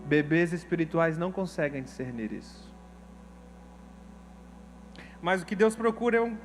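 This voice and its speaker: A high-pitched Brazilian pastor preaching a sermon to his church. He tells his story with feeling and casual slang. His voice sits notably high for a man. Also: a bit bright. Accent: Brazilian Portuguese. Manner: emotional, storytelling with slang and acted quotes.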